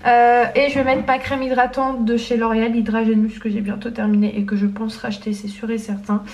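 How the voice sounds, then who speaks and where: A woman's voice: a little high, flat delivery, fairly quick, a little mellow. A young adult woman, a student vlogger, chatting casually at home, hesitant and full of fillers. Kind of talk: casual chat to camera.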